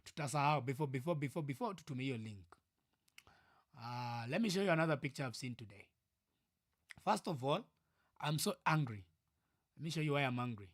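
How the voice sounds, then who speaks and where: A man's voice: mid-range voice, animated, fairly quick, pauses often, no echo, clean studio sound. A young Kenyan man in his twenties ranting heatedly on a livestream, repeating himself and dropping into mutters. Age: 20s. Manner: loud, heated and repetitive, often dropping to mutters. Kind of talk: livestream reaction rant.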